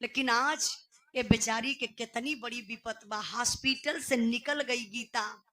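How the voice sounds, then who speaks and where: A woman's voice: fairly high pitch, measured pace, pushed and bright. A woman with a Bhojpuri accent, singing and telling a folk ballad story in a dramatic, tearful way. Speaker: birha folk singer and storyteller. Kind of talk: sung and spoken folk ballad narration.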